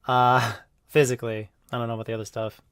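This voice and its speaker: A man's voice: mid-range voice, flat delivery, quick pace, clear, resonant tone, dry recording. Rambling man, dry close sound. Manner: rambling, with frequent fillers; jumps into loud mocking voices when quoting people. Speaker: YouTuber. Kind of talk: casual monologue.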